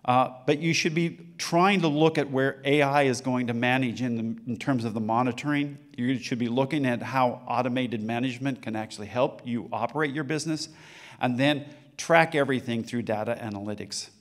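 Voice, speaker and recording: A man's voice: medium pitch, a little fast. Older man, conference speaker, handheld mic, loose filler-heavy delivery, big room stage talk.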